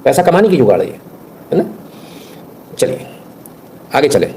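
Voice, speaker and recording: A man's voice: mid-range voice, big pitch swings, moderate pace, dark tone, slight background noise. A man giving scornful, blunt reaction commentary on viral videos, ranting with mocking asides.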